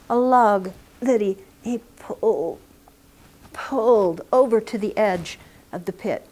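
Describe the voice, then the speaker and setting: A woman's voice: mid-range voice, a little mellow. A woman telling a folk tale live in a recording studio, dramatic and often dropping to a whisper. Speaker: storyteller.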